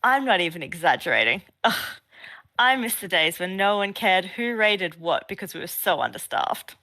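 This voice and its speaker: A woman's voice: lowish voice, expressive, moderate pace, bright, forceful tone. A woman playing a sultry, teasing adventurer. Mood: complaining. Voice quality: subtle twang. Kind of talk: multi-voice story reading.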